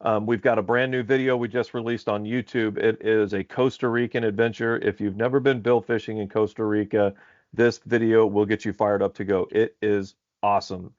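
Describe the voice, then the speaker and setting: Male podcast host from Alaska, low-ish voice, upbeat rambler, dry dull sound. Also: little pitch movement, moderate pace, dry recording. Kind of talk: casual podcast interview. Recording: slightly dull lo-fi audio.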